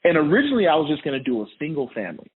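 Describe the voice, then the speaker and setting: A man's voice: a little high, racing, breathy edge. Laid-back man telling stories on a tinny line. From Honduras. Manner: relaxed storytelling, laughs often. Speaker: podcast guest. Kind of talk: casual interview chat.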